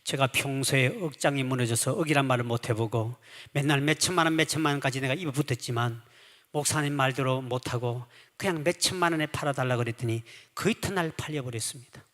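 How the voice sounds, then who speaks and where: A man voicing a timid, apologetic middle-aged deaconess, pleading quietly and sheepishly in a long-reverb church hall. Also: medium pitch, quick pace, voice pushed down, close to an everyday voice.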